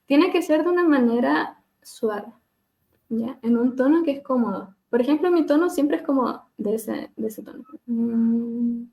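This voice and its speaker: A woman speech therapist leading a webinar on voice care, gently demonstrating hums and glides over a video call and laughing at herself now and then. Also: a little high, measured pace. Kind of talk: live webinar lesson on vocal exercises.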